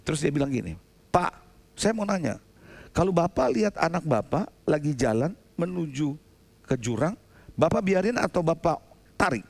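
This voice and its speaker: Male pastor, high and lively voice, sermon with loud bursts. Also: normal speed, creaky, no echo. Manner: animated storytelling with sudden loud outbursts. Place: church sanctuary.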